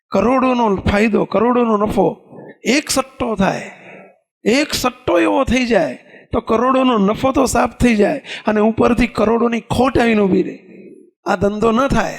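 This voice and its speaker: A man's voice: very high-pitched, vocal fry. A man with a Gujarati accent preaching a sermon, telling stories and putting questions to his listeners. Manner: animated storytelling, rhetorical questions to listeners.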